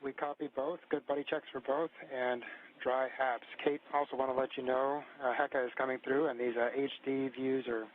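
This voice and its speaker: Mission ground guy on a narrow radio link, flat steady voice, bit of hiss. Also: mid-range voice, normal speed. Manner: flat, steady procedural reading. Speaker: ground communicator to astronauts. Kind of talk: radio communication. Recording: tinny radio line with faint hiss.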